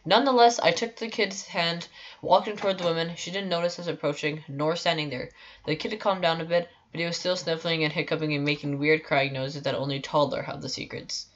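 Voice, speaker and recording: Low-voiced young woman reading a story aloud. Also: fairly even intonation, fairly quick, highs cut off. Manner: reads with frequent stumbles and restarts. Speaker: streamer reading stories aloud.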